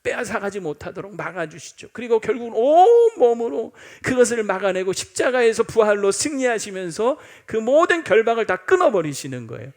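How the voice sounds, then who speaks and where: A man's voice: high voice, very animated, a little fast, hardly any pauses. A male senior pastor delivering a Sunday sermon, speaking earnestly and directly to his congregation.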